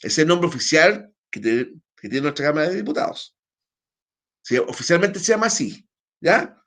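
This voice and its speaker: Man, Chilean accent, teacher, online class, fairly high voice, hesitant restarts. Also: big pitch swings, normal speed, a bit bright. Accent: Chilean Spanish. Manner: explanatory, keeps checking understanding with tag questions; hesitant restarts, talks on in a loose flow.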